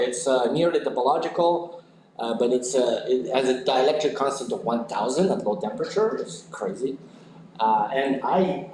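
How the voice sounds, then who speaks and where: A man's voice: mid-range voice, mellow, slight background noise. Man lecturing with many fillers in an echoey hall. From Ukraine. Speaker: physics lecturer. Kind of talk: university lecture. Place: lecture room.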